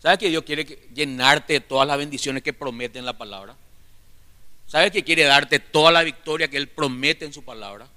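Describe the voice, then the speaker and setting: A male pastor delivers a fervent sermon, calling out to his brothers and sisters with question after question. His voice is bright and forceful and sits a little high. It rings with the long reverb of a large church hall. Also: moderate pace. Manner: preaching fervently, addressing listeners as brothers with rhetorical questions.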